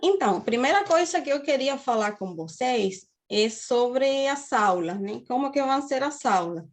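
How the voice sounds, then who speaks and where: In an online university class, a woman in her thirties from Cuba lectures with a Cuban Spanish accent. Her high, animated voice moves at normal speed. Explaining steadily, she keeps checking in with students and often ends phrases with "né?".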